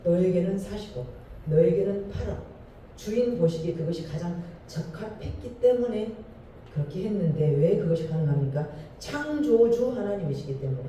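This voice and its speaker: A man's voice: high voice, expressive, moderate pace, warm tone, a little hiss or hum. A male pastor preaching a Sunday sermon in a church, asking the congregation questions and stressing his points with emphasis. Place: church sanctuary. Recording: echoey hall from far off.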